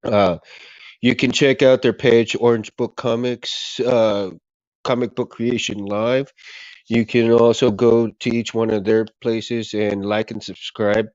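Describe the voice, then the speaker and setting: A man hosts a laid-back livestream, hoarse and coughing as he loses his voice, rambling on and repeating his thanks to the audience. He speaks in a mid-range, level, slightly mellow voice, a little slowly, in a recording with no echo and the highs cut off.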